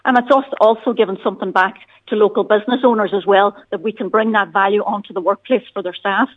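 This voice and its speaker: A woman's voice: mid-range voice, steady tone, quick pace. Donegal Irish woman on a tinny phone line. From County Donegal, Ireland. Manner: frequent "you know" and "look". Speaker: bank territory manager, interview guest. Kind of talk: radio interview.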